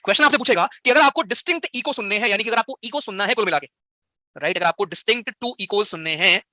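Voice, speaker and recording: A man's voice: high-pitched, pushed and bright, no room sound, clean studio sound. A young man teaching physics in a live online class, playful and teasing as he banters with his students.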